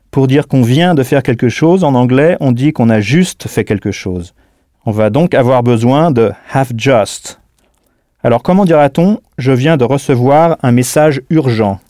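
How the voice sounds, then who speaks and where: A man's voice: mid-range voice, warm tone, no room sound. Patient male language teacher, dry studio sound. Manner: patient, spells out words letter by letter and prompts the listener. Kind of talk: recorded audio language lesson.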